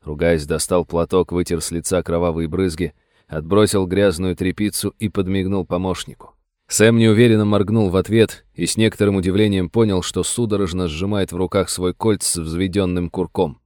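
Low-voiced male audiobook narrator. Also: moderate pace, no echo, clean studio sound. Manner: steady, dramatic storytelling.

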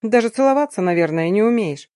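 A woman voicing a confident, teasing young man in an audiobook, lowering her voice and drawing out the words. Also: lively intonation, fast, warm tone, no echo, clean studio sound, natural voice. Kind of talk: audiobook reading.

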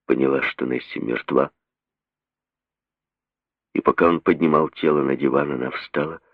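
A male narrator reads a novel in a measured, expressive manner. His voice is very low, gravelly and husky. The recording is dry and dull, like an old radio broadcast. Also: dry recording. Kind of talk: audiobook reading.

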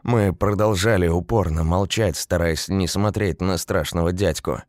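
A man narrating a story in an even, unhurried reading. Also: low-pitched, no echo. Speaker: audiobook narrator. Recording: dry close recording.

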